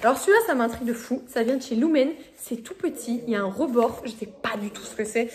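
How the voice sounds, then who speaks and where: A woman's voice: fairly high pitch, fast talker, background noise. A woman chatting casually to camera as she unboxes her shop parcels, gushing and laughing often, a little tired. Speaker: vlogger and shop owner.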